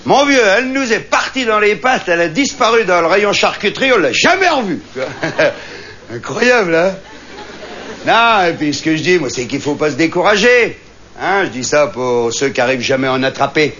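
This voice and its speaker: A man's voice: on the high side, big pitch swings, normal speed. A man performing a comic monologue as a boastful, chatty storyteller on stage. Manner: boastful hunting-and-fishing bragger, chatty, colloquial. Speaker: stand-up comedian. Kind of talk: comic monologue to a live audience. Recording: dull live recording with loud audience. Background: audience laughter.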